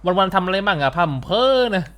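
Guy voicing a rude old uncle in game roleplay, fast mouthy banter, a bit high. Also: a bit bright. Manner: coarse, teasing, quick banter. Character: crude, teasing old uncle. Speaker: streamer playing a character. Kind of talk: game role-play banter.

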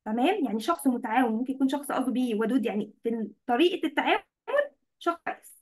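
A woman's voice: on the high side, lively intonation, rapid-fire, a little mellow. A woman with an Egyptian accent teaching English vocabulary in an online class. She switches between Arabic and English and often checks that students follow.

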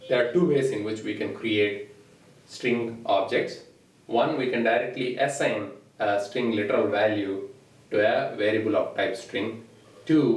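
A programming instructor whose native language is Telugu delivers a whiteboard lecture in a small indoor room, his voice fairly low in pitch. He points at the board and explains things steadily. The audio comes from a distant camera mic, so his voice is roomy and echoey.

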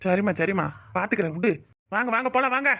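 A man's voice: high voice, expressive, fast, bright, forceful tone, exaggerated voice. A man voicing a playful young village man from a cartoon, teasing and chatty, with a Tirunelveli Tamil accent. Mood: coaxing. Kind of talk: cartoon voice acting.

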